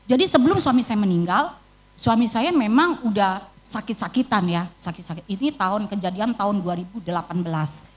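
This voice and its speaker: A woman's voice: mid-range voice, lively intonation, fairly quick. A middle-aged woman evangelist with an Indonesian accent, preaching a sermon and telling her own story with feeling. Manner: storytelling, emotional, quotes her own prayers. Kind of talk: sermon with personal testimony.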